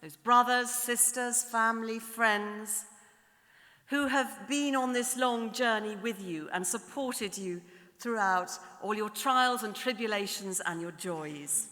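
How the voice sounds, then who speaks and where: A middle-aged woman delivers a formal ceremonial address from a podium mic, her voice bright and slightly high. She speaks in a measured, rhetorical way, stacking lists and repetitions. A long reverb from the large hall follows her words.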